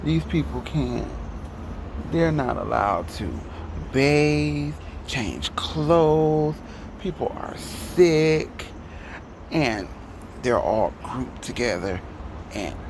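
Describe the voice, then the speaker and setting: Gravelly and medium-pitched, a vlogger from Detroit, Michigan rants at the camera in his Detroit accent, heated and rambling. Noise fills the background.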